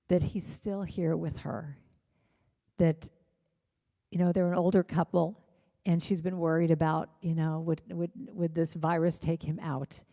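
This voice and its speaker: A woman's voice: lowish voice, warm tone. A woman minister telling stories in a conversational sermon, peppered with "you know" fillers. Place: church livestream. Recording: echoey hall with faint music.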